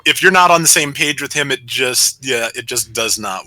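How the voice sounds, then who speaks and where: Mellow-voiced laid-back Canadian man. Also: medium pitch, no room sound. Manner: calm, laid-back, measured like a golf announcer. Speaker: guest gaming YouTuber. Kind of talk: casual chat on a game stream.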